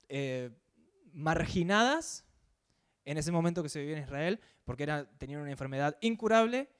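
A man with a Rioplatense Spanish accent preaches in a chatty, storytelling way. He sits a little high in pitch for a man. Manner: conversational, acts out quoted voices. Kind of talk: sermon.

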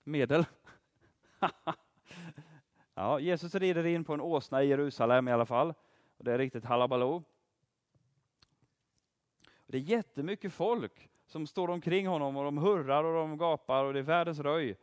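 A man's voice: on the high side, long pauses. A man giving an interactive Bible teaching, quizzing his listeners and praising their answers. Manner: lively, asks the audience questions and praises answers. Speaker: preacher teaching a group.

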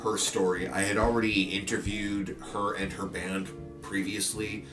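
A very deep-voiced podcaster and journalist tells stories from his work in a casual conversational interview, speaking a little slowly in a level tone. He's hesitant and rambling, full of fillers and restarts, and sounds roomy and set back from a distant mic, with faint music underneath.

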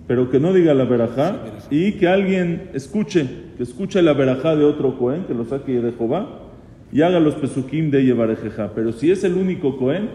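A rabbi with a very dark, mellow voice teaches a class on religious law, quizzing his students and repeating key phrases. He is recorded in a roomy hall with a long echo and faint background noise. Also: fairly high pitch. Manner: questions the class, repeats key phrases, mixes in Hebrew terms. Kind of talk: Torah law lesson to students.

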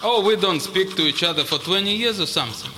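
A man playing a grumpy middle-aged immigrant father with a Moldovan accent, talking in blunt, deadpan broken English for a comedy sketch. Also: sits high, fast, a little hiss or hum, exaggerated voice. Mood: gruff. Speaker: immigrant neighbor character.

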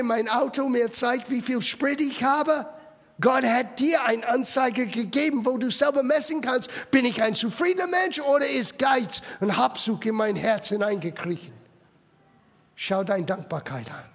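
High gravelly-voiced preacher man. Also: a bit bright, big-room sound. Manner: emphatic, mixes English words into German. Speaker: pastor. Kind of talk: sermon. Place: church sanctuary.

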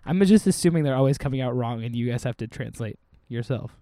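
A man's voice: mid-range voice, animated, fast talker, dark tone, slight background noise. A man co-hosting a casual podcast, joking and laughing often as he talks to a desk microphone. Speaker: podcast co-host. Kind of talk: casual chat.

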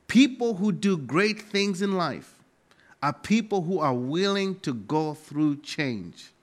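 This is a middle-aged pastor with a Malawian accent, his voice on the high side. He preaches emphatically, deliberately repeating key phrases.

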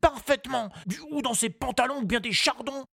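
A man voicing an earnest, indignant little boy in a storybook reading, with a high childlike voice. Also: a little fast, creaky, fairly bright tone, dry recording, studio quality, heavily acted. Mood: hurt. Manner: high childlike voice, outraged pleading.

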